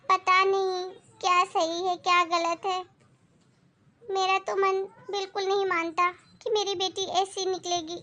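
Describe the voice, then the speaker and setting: A woman voicing a worried, loving poor mother who speaks gently and anxiously. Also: extremely high pitch, level tone, a little slow, exaggerated voice. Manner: anxious, gentle, soft-spoken.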